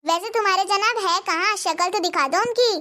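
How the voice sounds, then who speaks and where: A woman's voice: very high-pitched, fairly quick, pushed and bright. A woman voicing nosy young friends in a Hindi cartoon, gossiping and teasing.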